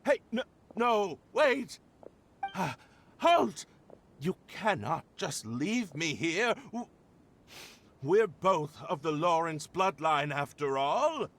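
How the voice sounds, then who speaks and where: Pompous trapped young nobleman, formal and proud, high and swooping pitch, slow drawl. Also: very animated, fairly bright tone, exaggerated voice. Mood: pleading. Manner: pompous and formal, turning to flustered pleading. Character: stuck, stiff-mannered young aristocrat man. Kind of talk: game voice acting.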